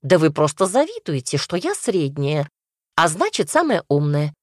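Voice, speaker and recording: A woman voicing the hasty, boastful middle head of a three-headed dragon in a fairy tale, talking quick and indignant. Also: low voice, big pitch swings, darkish tone, no echo, clean studio sound.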